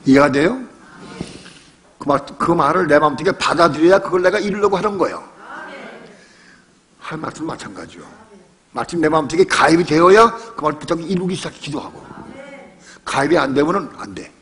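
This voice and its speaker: A man's voice: a little high, animated, fairly quick, long pauses, a bit bright. An older man preaching a sermon as pastor, talking conversationally and emphatically, with rhetorical questions, repeated phrases and personal stories.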